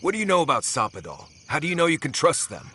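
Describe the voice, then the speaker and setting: An actor playing a bitter, sarcastic adventurer companion in a fantasy video game, lashing out in scornful tirades. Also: male voice, a little high, big pitch swings, quick pace, pushed and bright, a little hiss or hum. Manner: scornful, heated outbursts.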